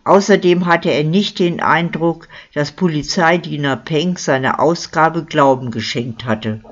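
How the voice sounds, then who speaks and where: Storybook narrator, slow and measured, dull lo-fi sound. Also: mid-range voice. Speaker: audiobook narrator. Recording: dull lo-fi recording.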